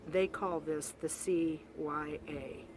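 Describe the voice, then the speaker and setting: A woman teacher reading a novel aloud to her class at a steady pace, stopping now and then to explain. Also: low voice, noisy background. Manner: reads steadily, pausing to explain to students.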